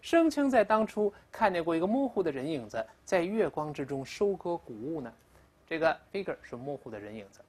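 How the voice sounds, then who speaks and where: An English teacher giving a recorded lecture, explaining step by step, asking the class questions and repeating words slowly for drilling. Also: medium pitch, sing-song. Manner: asks questions of the class in a sharply raised voice. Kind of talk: recorded grammar and pronunciation lecture.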